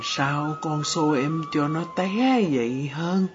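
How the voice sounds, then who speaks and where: A woman voicing a tender, worried elderly grandfather, speaking softly and slowly. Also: low voice, voice pushed down. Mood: alarmed. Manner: soft, slow, soothing. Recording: dull lo-fi audiobook with faint music.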